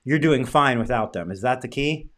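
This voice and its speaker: A man's voice: mid-range voice, animated, moderate pace, fairly bright tone. A man hosting a podcast interview who talks directly and with emphasis as he gives advice. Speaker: podcast host.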